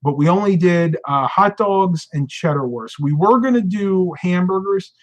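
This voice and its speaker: A man's voice: high-pitched, expressive, normal speed, low-quality recording. Chatty man hosting a family live stream. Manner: chatty, laughs easily. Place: home bedroom.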